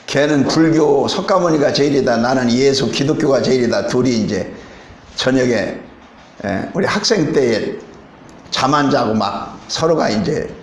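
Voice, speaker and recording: A man's voice: medium pitch, roomy sound, a little hiss or hum. A middle-aged man preaching a sermon as pastor, telling a story with rising emphasis and frequent rhetorical questions.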